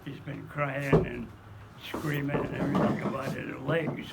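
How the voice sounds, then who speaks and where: A man in his nineties with a gravelly, creaky voice talks slowly with family, stopping and repeating words and chuckling now and then. The recording is a noisy home video made in a care home room. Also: mid-range voice, level tone. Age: 90s. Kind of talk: casual family chat.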